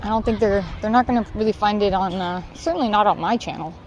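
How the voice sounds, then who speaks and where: Walking outdoors, a Southern California woman chats casually and candidly with her livestream viewers, swearing now and then. Her mid-range voice is a little mellow and she talks fast, with a slight hiss or hum in the audio.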